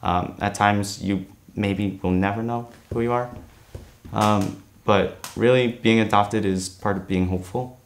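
A seventeen-year-old young man speaks in a studio interview, his voice sitting low. He answers earnestly and reflectively, often pausing with "um" as he gathers his thoughts. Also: fairly even intonation. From born in Korea, raised in New Jersey. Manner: earnest, many "um" pauses. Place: studio against grey backdrop.

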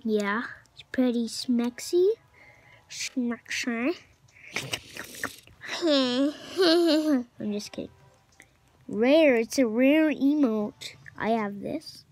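A young woman chatting casually while playing a video game, excitable and chatty, shouting at opponents now and then. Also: a little high, slow. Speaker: gamer. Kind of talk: casual gameplay commentary.

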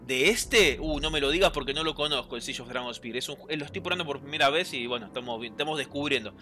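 Excitable Rioplatense man, bright tone. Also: mid-range voice, fast. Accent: Rioplatense Spanish. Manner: chatty, excitable, reads game text aloud, answers chat. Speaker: gameplay streamer. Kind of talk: casual gameplay commentary.

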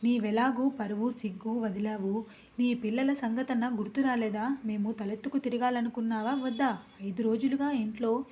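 A woman reading a story aloud, voicing an angry grown son who shouts harshly and scornfully at his mother. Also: on the high side, normal speed, close to an everyday voice.

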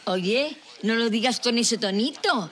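A huffy, stingy housewife. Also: female voice, fairly high pitch, lively intonation, measured pace, fairly bright tone, slight background noise. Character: stingy middle-aged housewife, naive and huffy. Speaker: sitcom wife. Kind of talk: sitcom acting.

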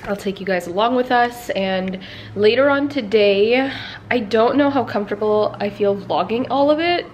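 A woman's voice: medium pitch, moderate pace, highs cut off, slight background noise. A young woman in her twenties talking casually to a handheld camera, chatty and upbeat, filling her speech with "like". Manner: chatty, upbeat, says "like" a lot. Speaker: lifestyle vlogger. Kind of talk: casual vlog chat to camera. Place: home and a large warehouse showroom, indoors. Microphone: handheld camera at arm's length.

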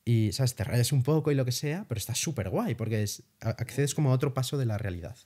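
A man's voice: medium pitch, fast, breathy edge. A young man from Spain, telling his travel experiences as a guest in a casual interview, swearing lightly as he goes. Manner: animated storytelling with casual swearing.

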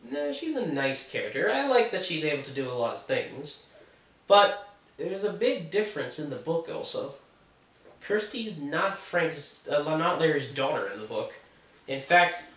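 A man's voice: on the high side, a bit bright, recorded from a distance. A man talking casually as a film reviewer, chatty and opinionated, with offhand jokes. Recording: roomy sound from off the mic.

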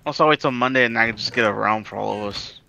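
A man's voice: mid-range voice, very fast, vocal fry, sharp tone, dull audio. A young man in casual, crude banter with friends while playing a game online. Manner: loose, crude joking banter. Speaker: gaming group member. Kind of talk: casual gaming chat.

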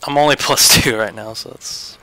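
A man's voice: medium pitch, moderate pace, bright, forceful tone. A man giving live commentary on his own speedrun, swearing and muttering to himself as he plays. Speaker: speedrunner streaming a run.

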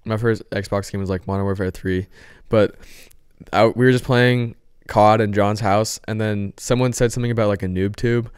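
A man's voice: on the low side, steady tone, normal speed, clean tone, no echo, clean studio sound. A young man from the Seattle area, telling a story in a laid-back, casual podcast chat. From Seattle area, USA. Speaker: podcast co-host.

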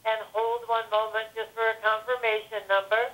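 Rushed scripted telemarketer woman on the phone. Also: a little high, flat delivery, a bit bright, faint music behind. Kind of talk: scripted sales call. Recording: thin telephone line.

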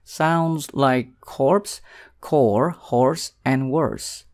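A reader reciting a poem slowly, pausing on each word in a deliberate delivery. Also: mid-range voice, a little mellow. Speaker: poetry reader.

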